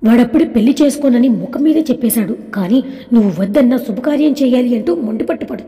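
A woman's voice: on the high side, expressive, quick pace, dark tone. A woman voicing a stern middle-aged father who scolds his wife curtly. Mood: irritated. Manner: scolding, curt. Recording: echoey room with long reverb.

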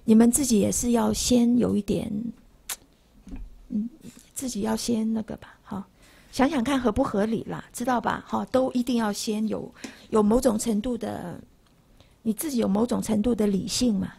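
An older woman, teaching a Buddhist class in a classroom. Her voice sits fairly high, with a gravelly fry and a husky edge. She talks in a lively way and keeps turning to her students with rhetorical questions. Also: moderate pace. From Taiwan. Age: 60s. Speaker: lay Buddhist lecturer. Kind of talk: classroom dharma lecture.

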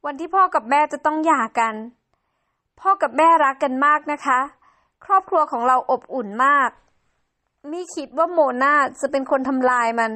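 A woman's voice: high voice, normal speed, pushed and bright. Woman playing a sad, sweet young daughter. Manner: tearful, sweet.

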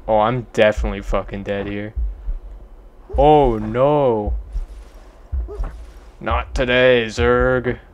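A man's voice: lowish voice, fairly even intonation, moderate pace, few pauses, clear, resonant tone, lo-fi sound. A young man giving casual, rambling gameplay commentary, self-deprecating and swearing offhandedly. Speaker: gaming video creator.

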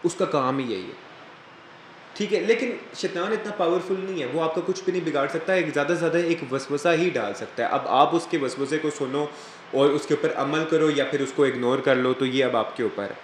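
Guy giving a heartfelt religious talk, bit of a higher voice, faint room noise behind. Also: fairly quick. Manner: earnest, emotional storytelling. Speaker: religious speaker. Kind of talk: earnest religious talk with personal story. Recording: echoey room, faint ambience.

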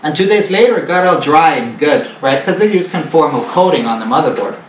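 A man's voice: a little high, lively intonation, brisk, a little hiss or hum. A man in his forties from Canada, talking casually to camera in his living room and rambling with many fillers and repeats. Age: 40s. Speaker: vlogger. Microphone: far camera on a tripod. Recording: roomy, distant camera sound.

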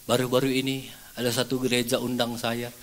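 A male pastor, preaching through a story, swinging between loud and hushed. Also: mid-range voice, flat delivery, a little fast, slight background noise. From North Sumatra, Indonesia. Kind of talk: sermon.

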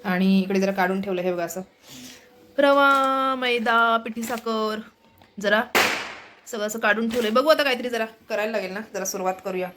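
A woman's voice: mid-range voice, brisk, a little hiss or hum. A woman from Maharashtra chatting casually to viewers as she shows around her home, keeping up a running commentary. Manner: chatty, keeps pointing things out to viewers. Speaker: family vlogger. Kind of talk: casual home vlog narration. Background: background music.

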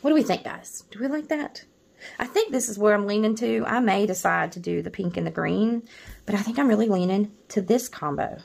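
A middle-aged woman talks through her planner supplies in a loose show-and-tell, her voice carrying a gravelly, creaky edge. She rambles, restarts her thoughts and trails off, with a tender, wistful warmth underneath. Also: medium pitch, fairly quick. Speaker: planner vlogger.

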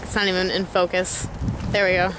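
A woman's voice: on the low side, level tone, brisk, very noisy. A young woman vlogging casually from a handheld camera at arm's length, rambling with lots of fillers and giggles. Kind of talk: casual vlog chat. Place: home, then a car at night.

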